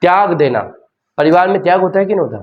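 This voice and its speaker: A man's voice: sits high, lively intonation, fast, lo-fi sound. Chatty male lecturer. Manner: chatty, asks students questions, colloquial examples. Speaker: teacher. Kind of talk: exam-prep lecture.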